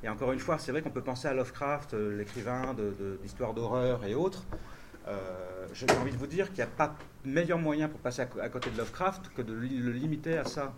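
On a festival panel, a male translator fields audience questions, thinking aloud with frequent restarts and fillers. His medium-pitched voice is brisk, with lively intonation, against background noise.

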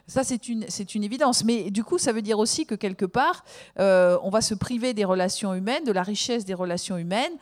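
A woman taking part in a discussion, speaking hesitantly with many pauses and fillers. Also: medium pitch.

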